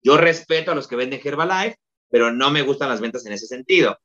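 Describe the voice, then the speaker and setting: Mexican man, podcast guest, animated storyteller, slightly dull lo-fi sound. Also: medium pitch, fairly quick. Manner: lively storyteller, many fillers like "este". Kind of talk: casual interview chat.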